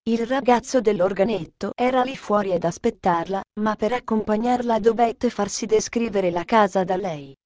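Woman narrator, storybook reading, steady and clear, mid-pitched. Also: moderate pace, hardly any pauses.

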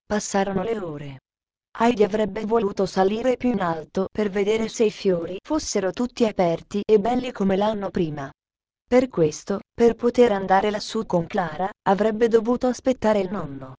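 A woman narrating a storybook with steady, measured reading. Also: mid-range voice.

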